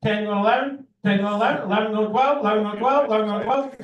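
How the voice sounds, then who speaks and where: High-voiced American male auctioneer chanting bids, echoey room. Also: quick pace, lo-fi sound. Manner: rhythmic, repetitive rattling of numbers. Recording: echoey room, distant microphone.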